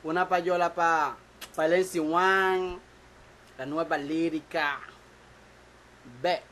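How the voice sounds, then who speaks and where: A producer man talks loosely in a small studio, bragging and cracking jokes in street slang. His voice sits a little higher than most men's, and a faint hiss runs under the camera mic. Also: fairly even intonation, slow pace, pushed and bright, poor audio. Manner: boastful, joking, slangy. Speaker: music producer. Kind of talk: casual studio chat.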